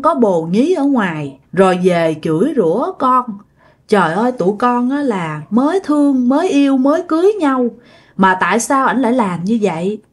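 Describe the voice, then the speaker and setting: A heartbroken young ghost girl, put on by a woman storyteller, begs for help and says the same things over and over. Her voice rides high and swings widely as she pleads. It is a plaintive spoken ghost-story performance. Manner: plaintive, repeating her pain. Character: grieving young female ghost, sobbing and pleading.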